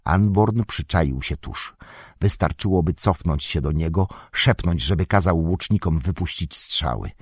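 Powolny, zachrypnięty lektor. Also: male voice, deep voice, lively intonation, slightly rough, no echo. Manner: measured, unhurried storytelling. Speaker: audiobook narrator. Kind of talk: scripted narration.

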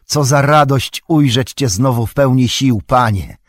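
A man's voice: mid-range voice, unhurried, no room sound, clean studio sound, voice pushed up, close to an everyday voice. A man voicing a devoted young marshal greeting his king in an audiobook. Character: loyal young marshal, king's nephew.

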